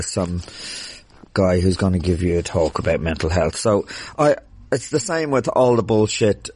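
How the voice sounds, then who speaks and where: A man's voice: lowish voice, a little mellow. A man hosting a podcast, ranting in a blunt, profane, angry way. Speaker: podcast host. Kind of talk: casual rant and interview.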